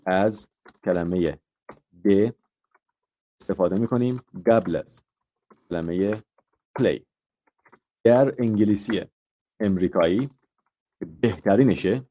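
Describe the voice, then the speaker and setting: Guy teaching ielts live, kinda dull muffled stream audio, quizzes the class, tosses in english examples. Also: fairly low pitch. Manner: asks the class questions and explains step by step; mixes English example phrases into his explanations. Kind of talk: live online grammar lesson.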